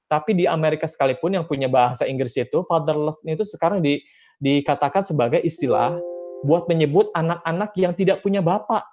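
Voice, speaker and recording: A man's voice: on the high side, fairly quick, a little mellow, faint music behind. A man giving an educational talk to parents and teachers, emphatic, asking rhetorical questions and acting out short quotes. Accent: Indonesian.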